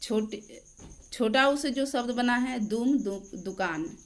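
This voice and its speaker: A woman teacher reads out a grammar lesson at an unhurried, deliberate pace. Her voice sits a little high, and she dictates each example word by word, as if for note-taking. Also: expressive, slight background noise. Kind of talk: grammar lesson read aloud.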